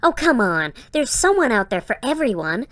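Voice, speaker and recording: Robot voice, high-pitched, genie granting wishes, pushy and chummy, voiced by a woman's synthetic voice. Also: big pitch swings, moderate pace, fairly bright tone, dry recording.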